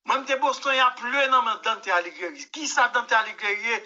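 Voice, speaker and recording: A man's voice: very high voice, expressive, brisk, pushed and bright, dull audio. A man with a Haitian Creole accent, a musician guest on a radio interview, talking emphatically, repeating words and telling anecdotes with quoted dialogue. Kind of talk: animated interview answers.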